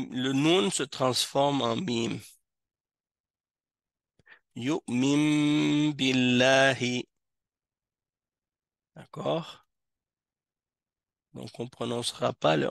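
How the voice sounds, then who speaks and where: A man teaching an Arabic reading class in a mosque, explaining patiently and repeating each word slowly to drill pronunciation. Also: mid-range voice, gravelly, no echo, studio quality. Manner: slow, repeats words and verses to drill pronunciation.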